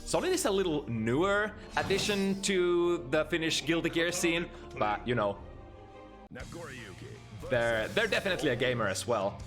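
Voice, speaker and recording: Male esports commentator, animated and excitable, over game music. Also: moderate pace. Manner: excitable, voice jumps high at big moments.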